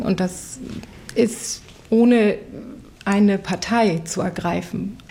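A woman's voice: medium pitch, mellow, a little hiss or hum. A woman, a cellist and orchestra board member, giving an earnest, reflective interview statement.

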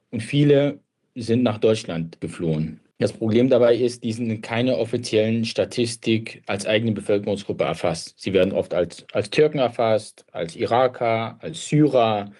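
Measured man giving an interview. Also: lowish voice, a little mellow. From Kurdish family, grew up in Germany. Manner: reflective and measured, with brief restarts. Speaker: interview guest. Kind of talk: earnest interview answers.

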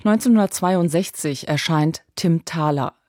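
A woman narrating a scripted radio feature in a measured, even way. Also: sits low, dry recording, studio quality.

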